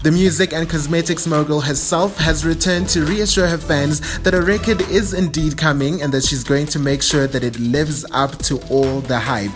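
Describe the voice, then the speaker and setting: A woman's voice: low-pitched, moderate pace, hardly any pauses. South African pop news presenter, woman, over music. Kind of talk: scripted entertainment news with chatty asides. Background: music bed.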